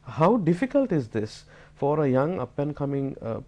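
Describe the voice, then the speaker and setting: A man's voice: fairly high pitch, very animated, moderate pace, dark tone, dull audio. A man asking interview questions in a hesitant, rambling way, often repeating words and restarting.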